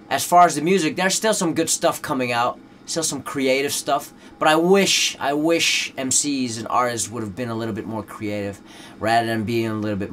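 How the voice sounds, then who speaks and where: A Dutch rapper talks casually in English, a second language for him, during an interview. He has a mid-range, slightly bright male voice with a laid-back, filler-heavy delivery, and a little hiss or hum sits in the audio.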